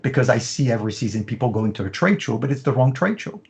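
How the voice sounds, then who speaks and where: A middle-aged man with a mid-range, expressive voice talks fast in an interview, explaining his methods as a fashion business consultant. He strings together long lists and leans on frequent "you know" fillers.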